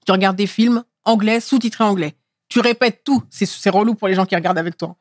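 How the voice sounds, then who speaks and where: A middle-aged actress from France speaking in a relaxed interview, lively and emphatic as she tells her story. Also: medium pitch, a little fast, dry recording. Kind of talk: casual interview talk.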